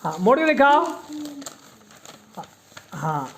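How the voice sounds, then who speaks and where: High-pitched lady teacher in a classroom, patient, coaxing little kids to repeat after her. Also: big pitch swings. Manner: coaxing, repeats words slowly for children to echo. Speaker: primary school teacher. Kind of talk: classroom lesson with young children.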